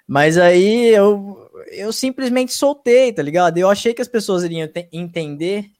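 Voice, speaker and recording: A man's voice: high voice, animated, a little slow, darkish tone, dry recording, studio quality. A man telling his story as a guest in a casual interview, slangy and emphatic, swearing freely and often checking in with his listeners. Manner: emphatic, often asks "tá ligado?". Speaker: guest, YouTube reaction channel host.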